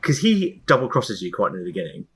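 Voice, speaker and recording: A man's voice: medium pitch, wildly swooping pitch, fast, slight background noise. A man co-hosting a podcast, chatting and explaining game plot step by step. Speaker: podcast co-host. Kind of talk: casual game discussion.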